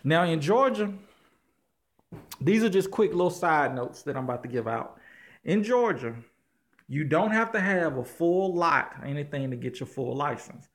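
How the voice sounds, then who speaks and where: A man's voice: on the high side, animated, moderate pace, a bit bright, no echo. A man who runs a used-car business, giving blunt, slangy advice to his viewers in a casual vlog from his small office.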